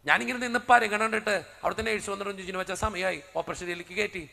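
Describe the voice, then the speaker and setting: A priest preaching a sermon as a personal story, acting out the dialogue with drama. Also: male voice, high voice, fairly even intonation, fast talker, gravelly, sharp tone, in a large hall.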